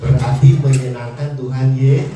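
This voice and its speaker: A male preacher, giving a lively sermon and acting out characters in slangy voices. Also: mid-range voice, moderate pace. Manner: animated, acts out characters in slangy voices, laughs often. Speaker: evangelist preacher. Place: church hall. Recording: echoey church hall, voice from far off, music behind.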